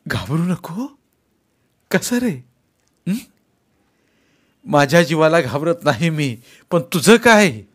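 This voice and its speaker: A man's voice: a little high, big pitch swings, takes it slowly, pauses often, pitched above the performer's own voice, exaggerated voice. A man puts on a frightened old father whose voice trembles and climbs sharply above the narrator's own. He sounds agitated and close to tears, pleading and scolding at once in a storybook reading. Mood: fearful. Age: older.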